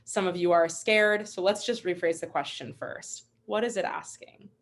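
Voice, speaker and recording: Young female test-prep instructor, lowish voice, cheerful and encouraging, casual webinar teaching. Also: steady tone, normal speed. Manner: upbeat, encouraging, chatty with fillers. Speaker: MCAT instructor. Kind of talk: live online teaching webinar.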